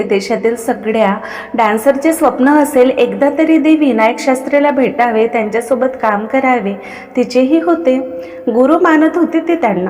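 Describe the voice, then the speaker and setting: A woman narrating a story with an expressive reading. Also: a little high. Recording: long reverb.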